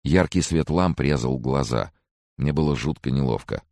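A man narrating an audiobook in the first person, in a measured, expressive storytelling manner. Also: a bass voice, no room sound, studio quality.

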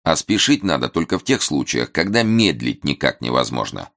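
A man voicing a composed senior detective who talks quietly and in a measured, instructive way. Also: extremely low pitch, sing-song, creaky, full character voice. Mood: calm, instructive.

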